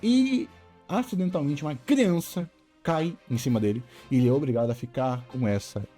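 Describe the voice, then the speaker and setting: A man hosting a casual animated-film review, opinionated and given to restarting his phrases. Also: a little high, moderate pace, faint music behind. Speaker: video essay host.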